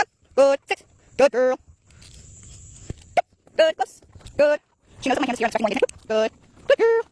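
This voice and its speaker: A woman dog trainer walking a dog in an outdoor park, explaining calmly and praising the dog in high sing-song bursts. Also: slightly rough. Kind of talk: casual vlog narration while training a dog. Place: outdoor park path near geese.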